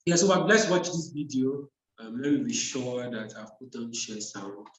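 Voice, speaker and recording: A man's voice: mid-range voice, moderate pace. A man working as a first aid trainer, narrating a live hands-on demonstration step by step and repeating key points. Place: indoor room, speaking away from the mic. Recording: echoey room, distant microphone.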